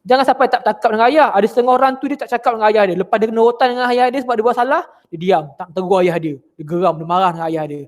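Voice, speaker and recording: A man with a Malaysian Malay accent teaching children religion in an online class, lively and full of questions for his pupils. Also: high-pitched, racing, hardly any pauses.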